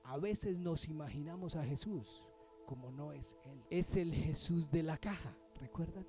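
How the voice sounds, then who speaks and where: A man preaching a sermon as pastor, talking with the congregation through questions and swinging from loud emphasis to hushed near-whispers. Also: a little high, a little slow, soft background music. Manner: conversational, addresses the congregation with questions.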